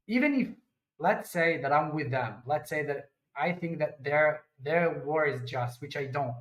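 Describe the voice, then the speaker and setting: Man from Israel, English, earnest and halting, fairly high voice, roomy echo. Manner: earnest, halting non-native English with restarts. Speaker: guest, army reservist. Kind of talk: interview answers. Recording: echoey room.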